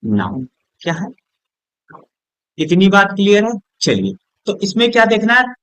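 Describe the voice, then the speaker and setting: High-pitched indian teacher guy, hindi accent on the english words, quizzes the class then answers himself, keeps asking if it's clear, dry close mic. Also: sing-song, a little slow, no room sound. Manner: asks questions and answers them himself; drops low and soft on the answer words. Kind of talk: classroom lesson at a board.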